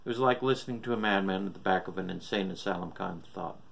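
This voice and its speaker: A man's voice: low-pitched, quick pace, gravelly, a bit bright. A man reading a scripted horror story as its narrator.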